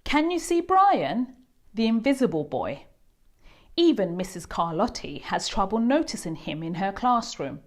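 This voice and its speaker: A woman hosts a read-aloud for young children. She takes her time with each phrase and lets her pitch move in a lively, expressive way. She speaks directly to little readers as she narrates the storybook. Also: measured pace.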